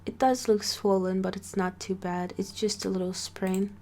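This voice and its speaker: A woman's voice: medium pitch, level tone, moderate pace, mellow. A woman reading a first-person story aloud, often tripping over words and restarting them, and breaking in with casual asides. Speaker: story reader.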